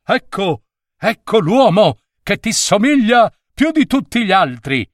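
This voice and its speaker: A man's voice: high-pitched, sing-song, measured pace, no room sound, clean studio sound, voice pushed up. A man doing an old eccentric wizard. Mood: excited. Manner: insistent, solemn pronouncements.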